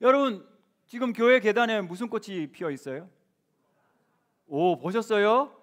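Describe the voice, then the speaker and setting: A middle-aged man preaching a sermon in a church, acting out short quoted lines in an animated voice. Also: high-pitched, unhurried. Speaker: pastor. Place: church sanctuary.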